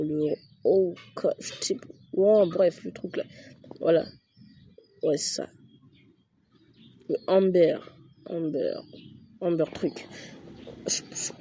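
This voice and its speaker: A young man, chatting slowly through his game and muttering to himself. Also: a little high, creaky, mellow, a little hiss or hum. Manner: talks to himself, mutters and swears at mistakes. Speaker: gaming youtuber. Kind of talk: casual let's-play commentary.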